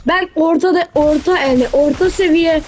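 A young woman with a noticeably high voice chats to a teammate while she plays. Her voice rings back with a hollow, cave-like echo, as if the room around her throws every word back. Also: moderate pace, darkish tone, slight background noise. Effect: echoing voice, as if in a cave. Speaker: gamer commenting on her own match. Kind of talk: casual let's-play commentary.

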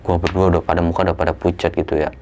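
A young man telling a story casually, in coarse slang, jumping to a loud raised voice when he acts out what was said. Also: low-pitched, flat delivery, rapid-fire. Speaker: storyteller guest.

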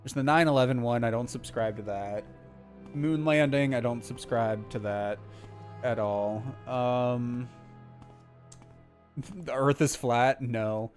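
A man's voice: medium pitch, slow pace, long pauses, soft background music. A young man casually chatting with his viewers as he streams a game, rambling along with lots of filler words. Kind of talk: casual live-stream chat while playing.

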